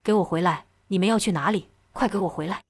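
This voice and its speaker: A woman voicing a furious, bossy man barking orders in an audiobook, with her voice lowered. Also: fast talker, breathy edge, dry recording, studio quality. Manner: shouting orders.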